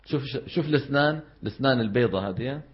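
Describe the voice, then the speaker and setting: A man's voice: medium pitch, rapid-fire. A man teaching Quran recitation as a classroom lecture, explaining step by step and often asking his students questions. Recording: dull lo-fi recording.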